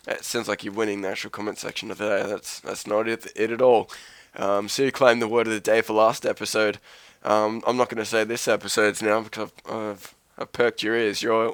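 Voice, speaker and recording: A man's voice: lowish voice, clean tone, no room sound. A man with a sick voice giving casual, rambling commentary over his gameplay, swearing and poking fun at himself. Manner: rambling, profane, self-mocking. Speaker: Let's Play host.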